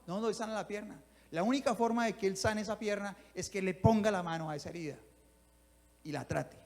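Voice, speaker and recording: A male pastor preaches an animated sermon in a high-pitched voice, talking a bit fast, with a long reverb tail trailing his words. He livens things up by acting out little scenes and keeps asking the congregation whether they follow him.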